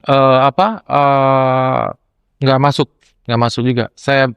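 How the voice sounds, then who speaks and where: A young adult man, a lecturer telling classroom stories in casual chat, acting out quoted lines with animated jumps in pitch. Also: slow, smooth, dry recording, lo-fi sound. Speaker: lecturer and podcast guest.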